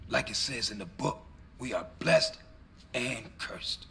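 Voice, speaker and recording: An actor playing a big, boisterous streetwise friend who philosophizes in a folksy way in a video game. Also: male voice, mid-range voice, expressive, takes it slowly, sharp tone, husky, exaggerated voice. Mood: consoling, solemn. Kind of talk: video game cutscene acting.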